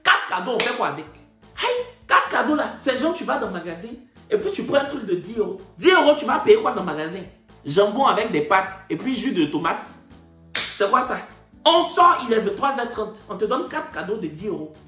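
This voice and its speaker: Animated storyteller, man. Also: high-pitched, brisk. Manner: animated, repetitive, indignant asides. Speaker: comedian storyteller. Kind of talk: comic storytelling. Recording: echoey room, faint music.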